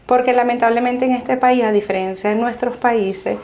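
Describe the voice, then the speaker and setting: A woman from Venezuela with a Venezuelan accent, a guest telling her story in a conversational interview, animated and laughing as she recounts anecdotes. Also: a little high, normal speed.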